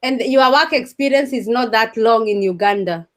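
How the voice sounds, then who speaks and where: A woman with a high voice hosts a casual online interview. She chats freely with her guest and viewers, often filling pauses with uh and mm-hmm. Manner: chatty, fills with many uh's and mm-hmm's. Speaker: host. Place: room in Germany.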